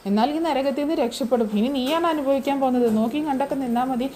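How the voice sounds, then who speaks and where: A woman's voice: sits high, racing, warm tone, slight background noise, close to an everyday voice. A woman voicing a jaded, complaining female housemaid in a serial recap. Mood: grumbling. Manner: weary, complaining.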